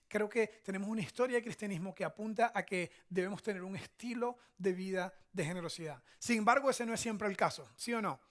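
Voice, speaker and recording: A church pastor with a Venezuelan Spanish accent gives a conversational teaching sermon, often checking in with listeners through short tag questions. His voice is high-pitched with a fairly bright tone.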